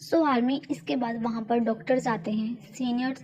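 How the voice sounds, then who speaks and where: A woman narrating a fan story in a casual, calm tone, addressing her fans. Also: fairly high pitch, normal speed.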